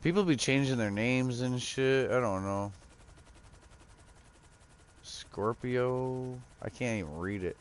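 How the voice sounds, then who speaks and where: A man's voice: mid-range voice, slow, long pauses. A man chatting casually with friends while playing a game, laid-back and chuckling. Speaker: gamer streaming with friends. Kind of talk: casual chat while gaming.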